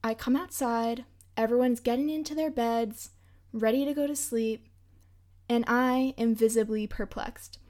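A woman's voice: fairly high pitch, fairly even intonation, a little slow, a little mellow. Chatty young woman telling a story. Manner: chatty and emphatic. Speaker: podcast host. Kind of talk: casual storytelling.

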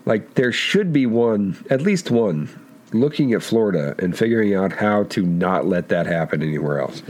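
A man's voice: lowish voice, expressive, normal speed, a little mellow. A man co-hosting a podcast in casual chat, rambling, swearing and laughing easily. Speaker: podcast co-host.

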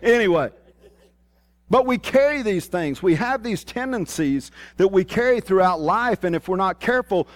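A man's voice: high voice, dry recording. A man preaching a sermon in a plain-spoken, folksy way, with a Southern US hillbilly accent and country twang. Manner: plain-spoken, folksy, repeats key phrases for emphasis.

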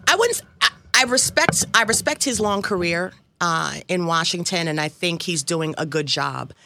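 A woman's voice: on the low side, lively intonation, normal speed, creaky, noisy background. A woman in her fifties speaking as a guest in a radio interview, earnest and emphatic, repeating phrases for weight. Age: 50s. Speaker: guest, local politician. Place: radio studio.

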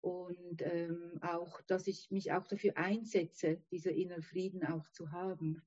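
A woman who is not a native German speaker, talking reflectively about herself in an interview, haltingly searching for words. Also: fairly low pitch, flat delivery, a little mellow, husky. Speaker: interview guest. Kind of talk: reflective personal conversation. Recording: dull, roomy sound.

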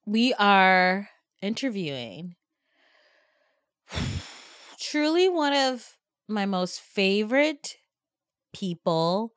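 A woman's voice: medium pitch, fairly bright tone, smooth, no echo. A woman hosting a podcast in a studio, chatting in a playful, jokey way and laughing often. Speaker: podcast host. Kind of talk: casual comedic chat.

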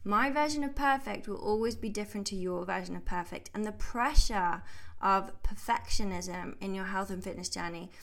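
A health coach from the United Kingdom, in her thirties, chats cheerfully through a casual podcast monologue and laughs freely. She speaks at normal speed in a mid-range voice that's gravelly yet fairly bright.

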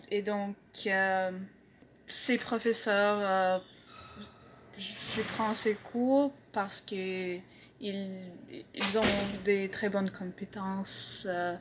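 A young woman student answering interview questions, halting and searching for words with many fillers. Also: medium pitch, a bit bright, a little hiss or hum. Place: university campus.

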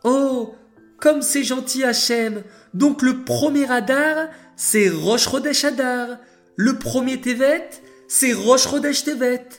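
A man voicing a small, gentle female moon in a children's story, talking in a high, childlike way. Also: takes it slowly, faint music behind, full character voice. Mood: eager.

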